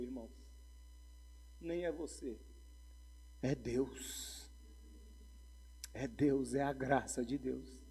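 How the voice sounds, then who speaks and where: A pastor, preaching a sermon full of humorous stories and calls to the congregation. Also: male voice, fairly high pitch, mellow, slightly rough. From Brazil. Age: 40s. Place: church sanctuary. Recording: long church hall reverb.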